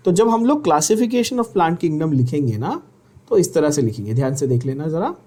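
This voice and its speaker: A man's voice: a little high, sing-song, moderate pace, a little mellow. A man teaching biology for an exam, asking questions and having students repeat terms. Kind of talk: exam-prep lecture.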